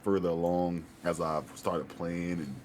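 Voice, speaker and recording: A man's voice: low voice, flat delivery, unhurried, darkish tone. A man chatting casually as a podcast guest, laid-back and easygoing. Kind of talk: casual chat. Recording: noisy recording.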